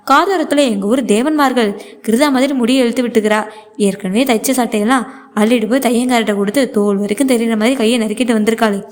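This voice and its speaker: A woman's voice: on the high side, natural voice. A woman voicing a worried older mother who pours out an anxious, complaining monologue about her daughter.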